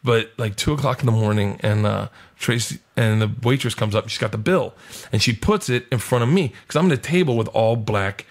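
A man telling a wild story on a podcast, animated and profane, laughing often. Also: medium pitch, brisk. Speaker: guest comedian.

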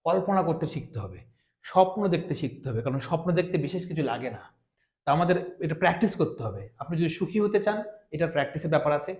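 High-voiced man lecturing in an echoey room. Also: animated, a little fast, darkish tone. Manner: questioning, explanatory, repeats points. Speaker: teacher. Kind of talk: classroom lecture. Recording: echoey room, dull lo-fi sound.

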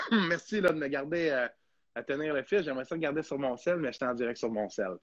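Host type: young Québécois man, fairly high voice, rambling and chatty, dry dull lo-fi sound. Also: animated, fairly quick, a bit bright, no echo. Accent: Québécois French. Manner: chatty, rambling, hesitant with many fillers. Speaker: podcast host. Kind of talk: casual live podcast chat.

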